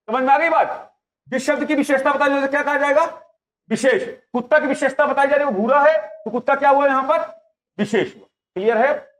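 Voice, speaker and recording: A male teacher giving a classroom lecture, quizzing his live students with repeated questions. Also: very high voice. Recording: dull lo-fi sound.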